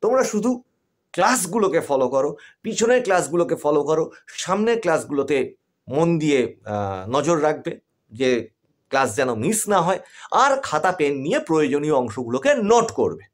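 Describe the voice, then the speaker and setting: Lively Bengali man teaching English. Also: a little high, brisk, pauses often, no room sound, studio quality. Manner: explains step by step, checks in with "right?". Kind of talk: online class lesson.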